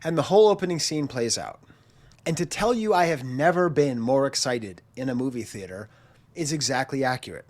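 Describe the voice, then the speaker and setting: Nasal and congested from a chest cold, a channel host in his forties tells a self-mocking story in a casual monologue, acting out what people said. His medium-pitched voice is animated and brisk.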